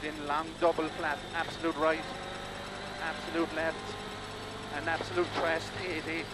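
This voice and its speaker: Casting: male rally co-driver, clipped pace-note delivery, even pitch, recorded in-car under heavy engine din. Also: unhurried. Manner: terse, clipped calls of directions and numbers. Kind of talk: rapid rally pace notes. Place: inside a rally car at speed on country lanes. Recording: very loud car engine noise. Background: loud engine and vehicle noise.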